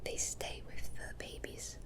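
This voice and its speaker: A woman's voice: measured pace, fairly bright tone. A young adult woman giving whispered ASMR narration, cupping her hand and whispering very close to the mic without voicing. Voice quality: unvoiced whisper. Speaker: ASMR host. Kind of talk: whispered ASMR, reading fun facts. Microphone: extreme close-up mic.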